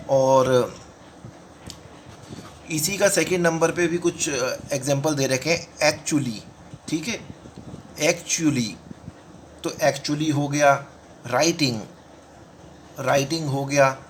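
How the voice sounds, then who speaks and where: A man's voice: on the high side, slight background noise. A man with an Indian accent teaching shorthand in a casual tutorial, repeating each word and checking in with "okay" as he goes. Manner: talks through examples slowly, repeating words and saying "ठीक है" often.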